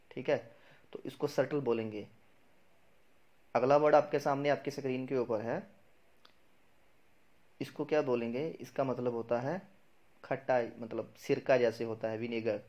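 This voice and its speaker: A man giving an English pronunciation lesson, explaining words slowly and asking and answering his own questions. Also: medium pitch, a little mellow.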